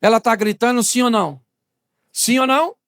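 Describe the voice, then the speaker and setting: A man's voice: very high-pitched, normal speed, fairly bright tone, clear, resonant tone, no room sound, clean studio sound. A male pastor from Brazil giving a humorous sermon in a church, talking straight to the congregation and acting out little scenes.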